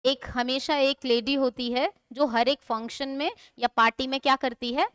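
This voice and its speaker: A woman's voice: high-pitched, fairly even intonation, moderate pace, a bit bright, clear, resonant tone, no echo, studio quality. A woman teaching English vocabulary in a classroom-style lesson, explaining patiently, repeating words and asking her students questions.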